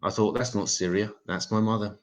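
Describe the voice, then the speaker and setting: Guy doing deadpan one-liners, mocks himself, stand-up set. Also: on the low side, fairly quick. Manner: deadpan, self-mocking. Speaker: stand-up comedian.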